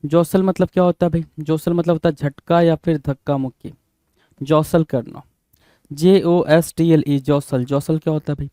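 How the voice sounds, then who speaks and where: A man's voice: a little high, steady tone, moderate pace, mellow, no room sound, studio quality. Man drilling English vocabulary. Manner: drills words by spelling them out letter by letter; keeps asking "bhai?" as a rhetorical prompt. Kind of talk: exam-prep vocabulary lesson.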